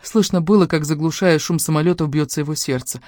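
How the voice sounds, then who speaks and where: A woman narrating a romance novel in the first person, with an expressive, emotional reading. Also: deep voice, a little fast, no echo, clean studio sound. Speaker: audiobook reader.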